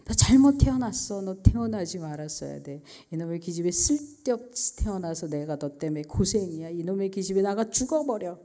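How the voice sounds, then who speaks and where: A woman's voice: on the low side, animated, moderate pace, hardly any pauses. A woman acting out a furious scolding mother. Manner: shouting curses and harsh scolding. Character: furious mother scolding her young daughter.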